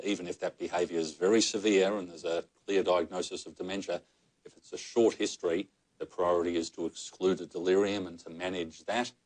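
A measured Australian man speaks with a very low, deep voice. He explains clinical matters steadily on a panel, seated at a table in a meeting room. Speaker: psychogeriatrician panellist. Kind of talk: panel discussion answers.

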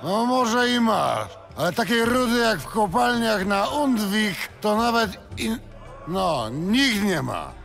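An actor playing a proud, stubborn island clansman in a video game, with blunt, halting, colloquial speech. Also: high-pitched, very animated, gravelly, fairly bright tone, heavily acted. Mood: proud, suspicious. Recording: game music under the voice.

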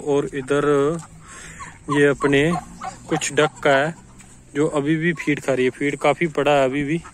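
A man with a Rajasthani Hindi accent, a poultry farmer who talks to viewers while walking his farm, filmed on a phone outdoors. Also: mid-range voice. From India. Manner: chatty, keeps addressing viewers, points things out. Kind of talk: casual farm walk-through vlog. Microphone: phone camera held by the filming speaker. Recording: faint outdoor background noise. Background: chickens and birds clucking.

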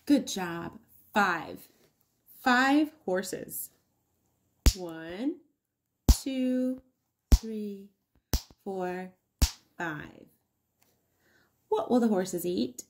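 A woman teaching a counting lesson to young children, encouraging and sing-song, asking questions and pausing for answers. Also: mid-range voice, animated, noisy background. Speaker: early-years teacher hosting an online circle time.

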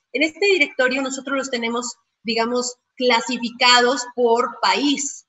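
A woman's voice: fairly high pitch, husky. A woman, director of a voice-over school, explaining her views in an interview. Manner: explanatory, lively. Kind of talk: interview answers.

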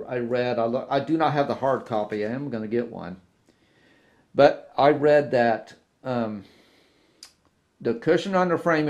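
A man's voice: medium pitch, a little mellow. A man hosting a casual hobby tutorial about model railroad cars from his workbench, talking unhurriedly with frequent restarts and fillers. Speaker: model railroad video host. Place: indoor workbench with model trains.

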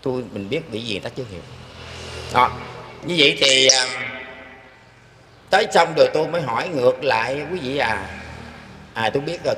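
A man's voice: mid-range voice, a bit bright. Older man rambling earnestly, echoey room. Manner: earnest and rambling, often turning to address the listeners. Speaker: interviewee telling his own experience. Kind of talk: casual spoken storytelling. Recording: echoey room with long reverb and faint background noise.

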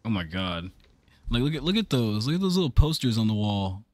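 Animated young man reacting loudly. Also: fairly low pitch, a little fast, no room sound. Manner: animated, exclaiming and swearing at jump scares. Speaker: reaction video host. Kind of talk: casual reaction commentary. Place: gaming room at a desk. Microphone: headset.

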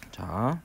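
A man with a Korean accent teaching English in a recorded lecture, explaining step by step and slowing down to repeat each English phrase. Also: fairly bright tone.

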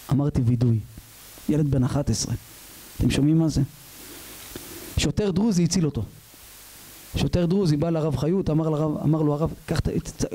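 Man, rabbi, sermon storytelling, high pitched, mellow tone, acts out dialogue, questions the audience. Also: rough recording.

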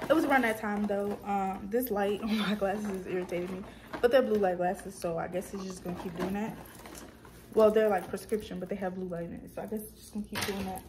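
A young adult woman vlogs to camera from a small room at home, her medium-pitched voice set against a noisy background. She chats casually with viewers, rambling and correcting herself as she goes.

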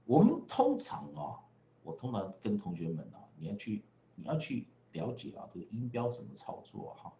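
A man's voice: mid-range voice, huge pitch swings, moderate pace, creaky, dark tone, roomy sound, dull audio, slight background noise. A man from the western United States teaching English pronunciation online, chatty, drawing out vowel sounds in drills with frequent tag particles.

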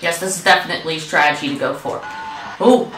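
A woman's voice: deep voice, fast talker, background noise. A woman giving rambling, self-mocking commentary while she plays a video game. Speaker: gaming channel host. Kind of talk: gameplay commentary. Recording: echoey room, distant mic, game music. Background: game music.

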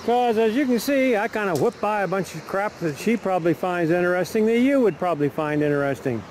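A folksy, chatty man narrating his outdoor walk in a fairly high voice for a man. He is recorded on a camera mic outside, with plain background noise behind him. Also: lively intonation, fairly quick, a little mellow. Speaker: vlogger filming a walk. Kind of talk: casual walking vlog narration. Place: outdoors by a river park.

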